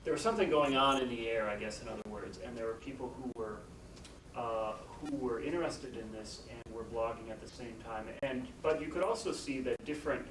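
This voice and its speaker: A man's voice: mid-range voice, fairly quick. A man speaking as a doctoral candidate in an informal academic discussion, tentatively circling through rephrasings. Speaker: doctoral candidate defending a dissertation. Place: echoey room, recorded from a distance. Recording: roomy, distant mic with loud background noise.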